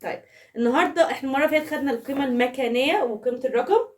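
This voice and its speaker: A high-pitched woman with an Egyptian accent teaching primary math in a playful, chatty tone, asking the children questions as she goes. Her voice echoes in the room and sits somewhat away from the microphone. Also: rapid-fire, a little mellow, distant mic. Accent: Egyptian Arabic. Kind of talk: casual classroom explanation to young children.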